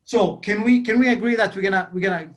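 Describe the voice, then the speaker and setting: A man's voice: high voice, fast talker. Upbeat man quizzing his audience. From Lebanon. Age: 40s. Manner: energetic, quizzes the audience, frequent "you know". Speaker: real estate sales speaker. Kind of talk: interactive motivational talk.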